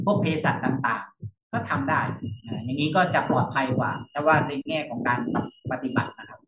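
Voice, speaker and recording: A man, a monk, teaching monastic discipline over a video call in an unhurried way, repeating phrases and softening them with polite particles. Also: fairly high pitch, reverberant, far from the mic, poor audio.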